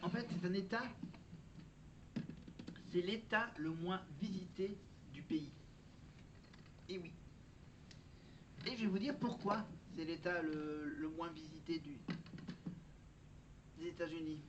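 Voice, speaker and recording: A man's voice: on the high side, slow, pauses often. A man talking casually in a vlog, sharing trivia and often correcting himself as he goes. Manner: chatty, self-correcting, presents trivia. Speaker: vlogger. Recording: dull lo-fi sound with faint background noise.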